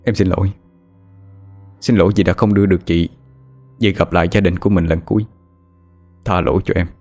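Guy doing a sad young ambulance driver, soft murmur, low voice. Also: lively intonation, fast, soft background music, close to an everyday voice. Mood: sorrowful. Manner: quiet, apologetic murmur.

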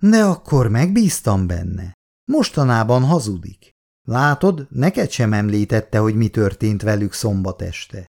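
A man voicing a worried, sighing middle-aged mother who frets over her grown children, raising his gravelly voice higher. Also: very animated, warm tone, full character voice. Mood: fretful. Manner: fretful, sighing.

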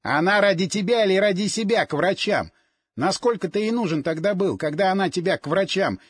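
A man's voice: high-pitched, brisk, slightly rough, no room sound. A man voicing a menacing, accusing brother's apparition in an audiobook, needling and relentless.

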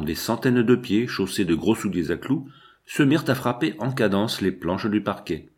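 A man reading a novel aloud in first person, with measured, expressive storytelling. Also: lowish voice. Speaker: audiobook narrator.

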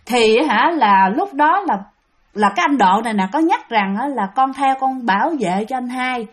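A woman's voice: a little high, expressive, moderate pace. A woman narrating a ghost story in a chatty way, talking straight to her listeners. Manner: chatty, addresses listeners directly.

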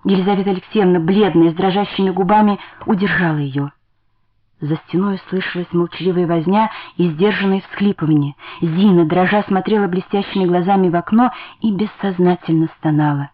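A woman narrating a literary story in a measured, expressive dramatic reading. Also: fairly low pitch. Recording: muffled lo-fi radio recording.

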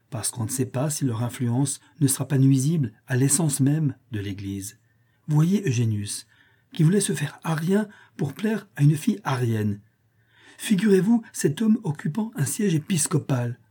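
A man's voice: fairly high pitch, animated, normal speed, mellow, slightly rough, pitched above the performer's own voice. A man reading as a devout Gothic maidservant. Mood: earnest pleading. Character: devout young Gothic woman attendant, earnest and pleading.

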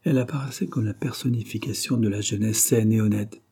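A man narrating an audiobook of a classic novel in a measured, literary way. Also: fairly low pitch, steady tone, dark tone, breathy edge.

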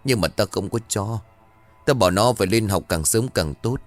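A man voicing a grieving elderly village father who turns weary and blames himself, his voice low and mellow over faint music. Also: normal speed, lightly acted. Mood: guilt-ridden. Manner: anguished, then weary and self-blaming.

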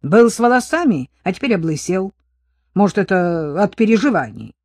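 The audiobook reader voicing an older male hospital orderly who talks roughly and bluntly. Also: medium pitch, very animated, normal speed, darkish tone, no echo, clean studio sound.

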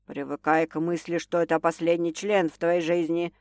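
Woman reader doing a gruff, jealous male boss, low and menacing, dry close sound. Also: flat delivery, moderate pace, darkish tone, no echo, close to an everyday voice. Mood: menacing possessive. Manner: growling, snapping, hissing threats. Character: domineering possessive drunk male boss.

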